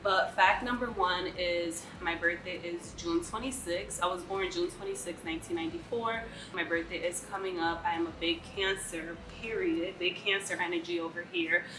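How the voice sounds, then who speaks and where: A woman's voice: on the low side, steady tone, moderate pace, few pauses, echoey room, background noise. Chatty young woman with a stuffy cold. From Dominican Republic. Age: 20s. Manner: chatty, slangy, addresses viewers directly. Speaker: vlogger. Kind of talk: casual chat to camera. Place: bright living room, indoors.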